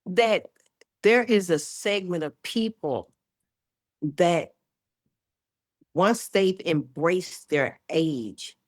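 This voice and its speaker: Woman, 60s, low pitch, emphatic, lively interview guest, dry recording. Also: very slow, pauses often, no echo. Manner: emphatic, lively, often acts out quotes. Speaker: guest, health educator. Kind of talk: casual interview chat.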